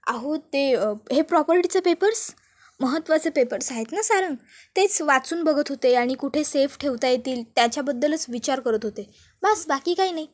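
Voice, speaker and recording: A woman's voice: high voice, animated, moderate pace. A woman voicing an arrogant, scheming young wife who taunts and orders the family around. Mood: sweet, sly. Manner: taunting, commanding, shouting insults.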